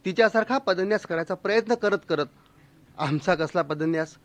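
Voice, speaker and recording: High-voiced Marathi storyteller, mock-dramatic. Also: male voice, fairly quick. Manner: lively, mock-dramatic, expressive. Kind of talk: humorous live storytelling.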